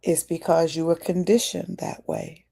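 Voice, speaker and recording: A woman's voice: on the low side, flat delivery, measured pace, creaky, mellow, breathy edge. A woman hosting a live talk for her viewers, putting questions to them and calling them y'all in a casual, preachy way. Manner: preachy, asks the audience questions; casual, addresses listeners as y'all. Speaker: host. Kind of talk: livestream talk to an audience.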